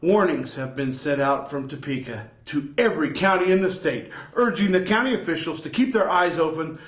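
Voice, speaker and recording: A man's voice: a little high, lively intonation, moderate pace. Playful mock-scandalized man reading headlines. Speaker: co-host. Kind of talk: reading old news with banter. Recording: echoey room.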